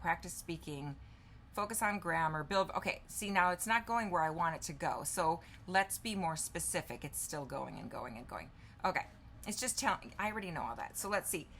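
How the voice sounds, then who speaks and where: This fifty-something vlogger talks to camera in a relaxed, chatty way, reading answers aloud from her screen and musing as she types during a demonstration. She has a lowish, sharp-toned voice, and there's a slight hiss or hum in the background.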